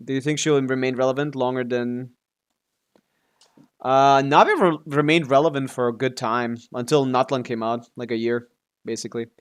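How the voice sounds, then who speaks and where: A man with a mid-range, smooth voice and fairly even intonation talks at a moderate pace while livestreaming a video game. He rambles and complains to his viewers in casual chat, swearing plenty along the way.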